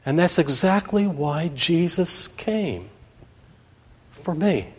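A man's voice: a little high, expressive, slow pace, husky, in a large hall. A man preaching a Christmas sermon in a church, telling a story earnestly with frequent restarts.

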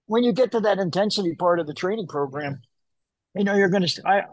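A man's voice: high voice, fast talker. An older man, a running coach, talking casually in an interview, rambling and repeating the starts of his phrases.

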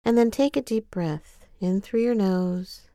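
A woman narrates a guided exercise with a compassionate, gentle touch. Her voice is mellow and relaxed, with a noticeable creak, and she takes her time. The sound is close and very dry. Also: mid-range voice, no room sound. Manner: gentle, compassionate, unhurried coaching. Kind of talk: scripted guided self-care exercise narration.

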